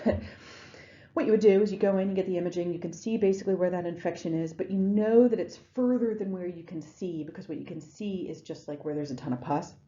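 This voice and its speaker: A woman's voice: on the low side, dark tone, dull audio. A woman giving a recorded lecture in a conversational way, with frequent ums and restarts. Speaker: instructor.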